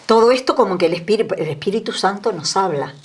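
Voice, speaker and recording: A woman's voice: medium pitch, animated, fast, breathy edge. A woman in her sixties with an Argentine Spanish accent, a guest telling her story with earnest emotion. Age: 60s. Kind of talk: testimony in an interview.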